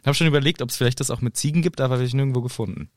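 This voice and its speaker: A man's voice: medium pitch, rapid-fire, dry recording, clean studio sound. A man co-hosting a podcast, retelling a book chapter in casual, jokey chat. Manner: animated, jokey. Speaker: podcast co-host.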